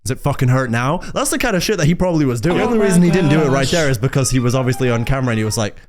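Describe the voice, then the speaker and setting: A man's voice: medium pitch, racing, background noise. A man hosting a reaction video, casual and profane, mocking what he watches and laughing often.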